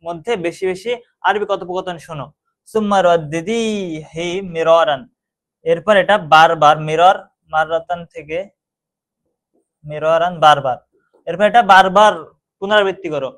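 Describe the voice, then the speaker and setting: A man's voice: high-pitched, a little fast, pauses often. A man teaching an online exam-prep Arabic lesson. He reads Arabic phrases aloud, then translates and explains them step by step, often repeating himself and correcting words mid-word.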